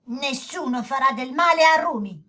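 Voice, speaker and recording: A woman voicing a gentle, patient boy who reassures and teaches in a children's audio story. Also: sits high, expressive, normal speed. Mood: firm. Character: caring young brother, calm and patient.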